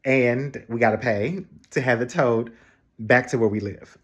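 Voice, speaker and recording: A man at a middle pitch tells a story casually to his vlog audience. He is animated and breaks into sudden high exclamations. He acts out what other people said as he retells it. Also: a little slow. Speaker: vlogger.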